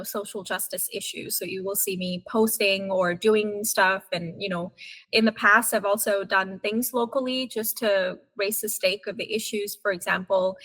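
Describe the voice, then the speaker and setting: A woman in her thirties from Burma, raised in Thailand, gives earnest interview answers. Her voice is bright and forward, at a middling pitch. She talks in a conversational way, with many fillers and self-corrections. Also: rough recording. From Burma (Myanmar), raised in Thailand. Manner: earnest, with frequent fillers and restarts. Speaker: guest, human rights activist.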